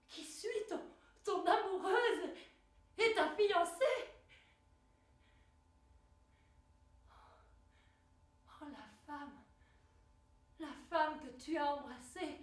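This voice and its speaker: An actress playing a bewildered young girl who searches her lost memory, speaking in halting, repeated words and anguished exclamations in a theatre monologue. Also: high voice. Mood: frantic, jealous. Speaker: stage actress. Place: theatre stage. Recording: echoey stage recorded from far off.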